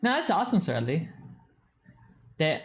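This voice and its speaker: This young New England-accented man chats with his live stream viewers while reading chat, his slightly high voice swinging widely in pitch at a somewhat slow pace. His talk is rambling and full of fillers, especially "like."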